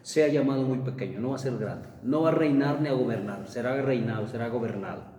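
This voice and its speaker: A man preaching a sermon, rising emphatically to quote scripture and then dropping low. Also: a little fast, warm tone, a little hiss or hum. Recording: echoey room heard from a distance.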